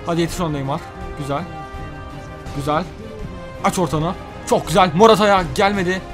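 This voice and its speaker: Excitable young man shouting over a game. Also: sits high, normal speed. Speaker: gaming YouTuber. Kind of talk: live football video game commentary. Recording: faint game music behind.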